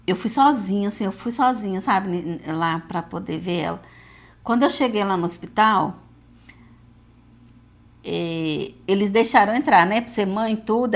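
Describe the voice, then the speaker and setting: Brazilian woman, mom telling her faith story, earnest, keeps talking to "gente", lots of repeats. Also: medium pitch. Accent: Brazilian Portuguese. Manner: earnest, addresses listeners as "gente", many fillers and repetitions. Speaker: mother giving testimony. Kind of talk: emotional faith testimony.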